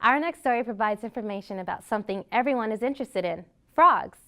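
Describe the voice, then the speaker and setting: A woman presents scripted news introductions. She speaks fast, in a fairly high voice. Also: expressive, a bit bright.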